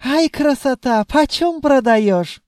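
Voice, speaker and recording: High pushy genie with a Caucasian accent. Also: male voice, animated, slow pace, a little mellow, no echo, clean studio sound, full character voice. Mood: pushy, wheedling. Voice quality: broken grammar, exclamatory. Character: pushy greedy blue-skinned male genie.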